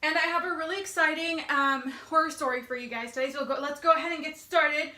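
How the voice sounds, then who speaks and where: A woman's voice: high-pitched, quick pace, pushed and bright, echoey room. A woman chatting casually to camera at home, bubbly and a bit out of breath, with lots of fillers. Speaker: YouTube vlogger. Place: home, indoors.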